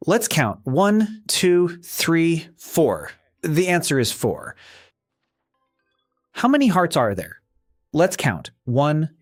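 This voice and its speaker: A man's voice: medium pitch, dry recording, studio quality. A man leading a counting lesson for young children, asking how many shapes there are and counting them aloud one by one. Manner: slow, sing-song counting with questions and answers. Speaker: children's math teacher. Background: faint background music.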